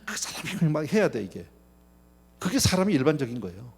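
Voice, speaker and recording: A middle-aged man, a pastor preaching a midweek sermon, lively and conversational, often addressing the congregation and acting out angry complaints. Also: a little high, fairly quick, breathy edge.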